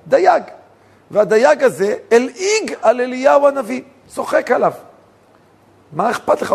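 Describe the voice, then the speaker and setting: A man, a rabbi, giving a Torah lesson in an animated way, telling stories and acting out the dialogue. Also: sits high, gravelly.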